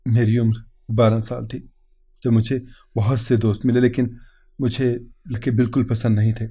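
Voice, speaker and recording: A man's voice: medium pitch, flat delivery, dark tone, breathy edge. A man doing a sobbing, stammering young husband. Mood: confessing. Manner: stammering, repeating himself. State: crying. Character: anguished young husband with a shameful secret.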